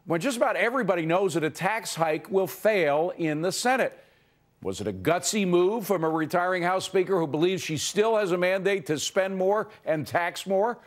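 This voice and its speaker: Higher-voiced man hosting a news show. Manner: emphatic, editorializing. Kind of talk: opinionated news commentary.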